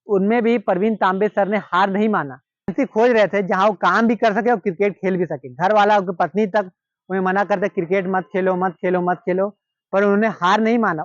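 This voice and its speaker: Indian guy with a high voice telling a story casually, lots of repeating, dry dull lo-fi recording. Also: no room sound. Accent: Hindi-speaking Indian. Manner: repetitive, conversational retelling with quoted dialogue. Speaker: cricket storyteller.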